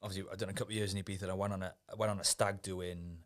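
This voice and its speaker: A man's voice: low-pitched, level tone, very fast. A man as a podcast guest, telling rowdy stories in a laddish, casual way, swearing freely and laughing along. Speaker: podcast guest, former Ibiza events worker. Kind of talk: casual storytelling chat.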